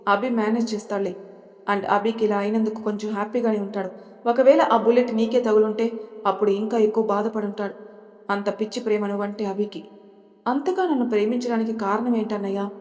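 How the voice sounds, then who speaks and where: A woman voicing a gentle, reassuring young man. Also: high voice, level tone, brisk, soft background music, lightly acted. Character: young man, devoted to his friend, caring. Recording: long reverb.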